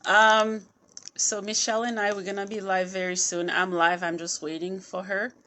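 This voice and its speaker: A woman's voice: mid-range voice, little pitch movement, normal speed. A woman hosting a podcast over a live video stream on her phone, chatty and laughing often. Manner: chatty, laughs often, soft-spoken at the start. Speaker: podcast host. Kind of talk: casual live-stream chat. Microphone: phone on a live video call.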